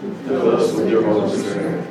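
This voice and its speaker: Men and women speaking in unison, congregation, slow group prayer, distant mic, heavy echo. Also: mid-range voice, heavy background noise. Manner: slow, even group recitation. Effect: men and women speaking together in unison. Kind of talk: repeating a prayer line by line after a leader. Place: church service. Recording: echoey room, distant mic, loud music. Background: loud worship music.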